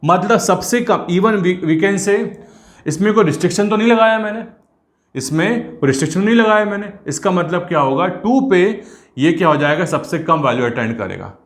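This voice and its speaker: A man with a fairly high voice talks a class through a math problem, slipping between Hindi and English as he works it out. He calls the students "beta" and pauses as he writes. His voice rings in an echoey room. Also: expressive. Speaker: math teacher. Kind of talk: online class lecture.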